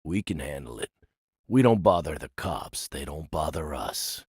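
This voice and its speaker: Brief: a video game gambling-den boss, cool and menacing, measured delivery, voice extremely low and very husky. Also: male voice, animated, a little mellow, no echo, clean studio sound, heavily acted. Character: man running a gambling den, calm, menacing.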